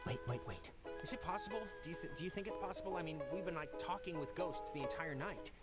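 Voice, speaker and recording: An actor playing an anxious, hopeful teenage boy in a video game, halting and pleading as he repeats himself. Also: on the high side, lightly acted. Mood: desperate hope. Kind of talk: naturalistic video game dialogue. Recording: loud music behind the voice.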